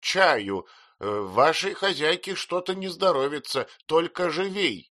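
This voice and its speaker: A man's voice: mid-range voice, sing-song, a little slow, bright, forceful tone, no room sound, clean studio sound, voice pushed up. A man voicing a stern, commanding elderly aunt who speaks sharply and impatiently.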